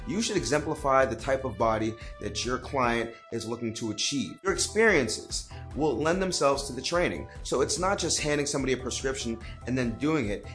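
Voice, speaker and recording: A man's voice: medium pitch, a bit bright. Man giving earnest fitness-coaching advice. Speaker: personal trainer giving advice to trainers. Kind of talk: direct-to-camera advice vlog.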